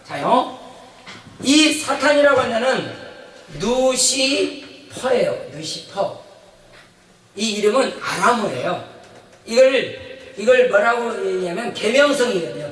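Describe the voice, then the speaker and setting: A male pastor giving an animated sermon in a church, questioning the congregation as he tells stories. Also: extremely high pitch. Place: church sanctuary. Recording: echoey church hall, mic from a distance.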